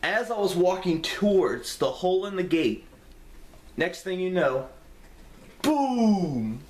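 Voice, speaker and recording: A young man telling a story on his vlog, casual, profane and animated. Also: high voice, a little slow, a little hiss or hum. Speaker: vlogger.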